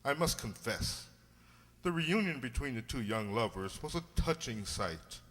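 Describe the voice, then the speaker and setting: A man playing an earnest, pompous, blustering gentleman doctor, a detective's loyal companion, in a radio play. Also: medium pitch, animated, unhurried, breathy edge. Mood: reflective narration. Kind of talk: radio play acting and narration. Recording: echoey hall.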